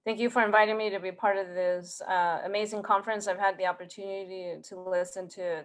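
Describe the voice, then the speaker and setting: At a conference, a Mexican woman who grew up speaking Spanish gives a career talk. Her pitch is fairly low, and she speaks earnestly but haltingly, full of fillers and restarts.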